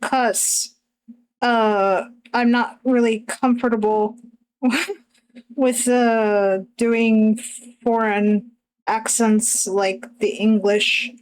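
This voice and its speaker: Woman streamer, casual chat, very slow delivery, hesitant, higher voice. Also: level tone, poor audio. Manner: hesitant, halting, self-conscious. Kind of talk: casual chat while drawing.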